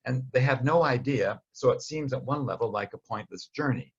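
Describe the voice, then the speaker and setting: In a slightly rough, mid-range voice at normal speed, a male Bible study teacher walks through an informal lesson, and the audio is dull. He tells it conversationally like a story, dropping wry remarks and performing short quotes.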